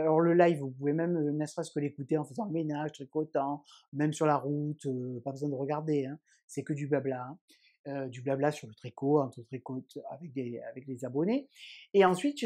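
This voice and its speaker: Male podcast host with a mellow voice, talking casually and loosely indoors at home. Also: fairly high pitch. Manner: chatty and rambling, with frequent hesitations. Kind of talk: casual chat.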